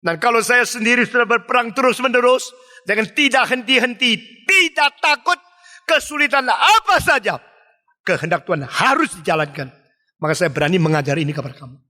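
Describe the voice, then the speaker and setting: A man pastor preaching from a pulpit in a large church, emphatic and dramatic, slowing for repeated refrains. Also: very high voice, pushed and bright. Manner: emphatic preaching with dramatic swings and slowed repetitions. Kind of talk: sermon. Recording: long reverb of a large hall.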